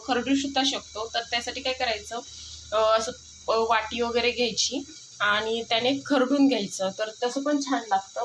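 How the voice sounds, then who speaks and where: A woman vlogging casually at home, rambling with fillers and self-corrections. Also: on the high side. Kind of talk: casual home vlog chat. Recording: noisy home recording.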